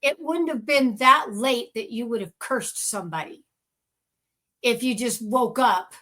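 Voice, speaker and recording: A woman with a somewhat high voice co-hosts a casual podcast discussion. She argues her reading of the text with firm, opinionated emphasis, reasoning aloud as she goes. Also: a little slow, a bit bright. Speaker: podcast co-host.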